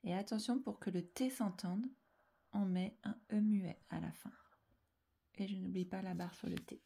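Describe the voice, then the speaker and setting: Woman, teacher, slow spelling dictation, dark husky voice, repeats syllables, frequent whispers. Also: mid-range voice. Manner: calm, slow and deliberate, repeating syllables and often whispering sounds.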